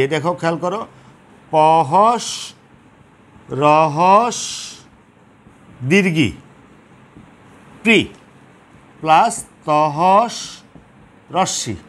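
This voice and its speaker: A man teaching a grammar lesson at a board, spelling out each sound piece by piece. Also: high voice.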